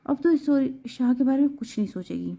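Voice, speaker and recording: A woman voicing an outspoken young woman friend with a brisk, protective, bossy manner. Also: high voice, expressive, vocal fry, mellow, exaggerated voice.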